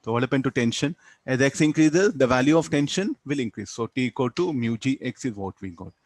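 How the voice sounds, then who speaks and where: Animated and a little fast, this man's medium-pitched, slightly mellow voice carries an Indian English accent, with no room sound. In a classroom physics lecture he works through a problem step by step, didactically posing and answering his own questions and tagging remarks with "no?".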